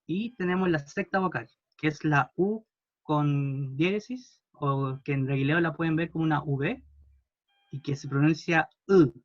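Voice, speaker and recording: A man teaching a language class, patiently modelling words slowly for students to repeat. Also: a little high, dry recording, highs cut off. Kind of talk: classroom pronunciation lesson.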